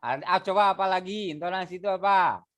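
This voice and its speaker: A man's voice: sits high, fast, fairly bright tone. A man teaching a poetry reading class, explaining casually and drilling students on vowel sounds. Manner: casual, explanatory, uses fillers like "gitu ya".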